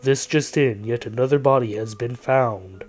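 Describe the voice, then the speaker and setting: A man voicing a formal TV news anchor in a storybook horror reading, with flat broadcast delivery. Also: medium pitch, moderate pace, faint music behind, lightly acted. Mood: reporting.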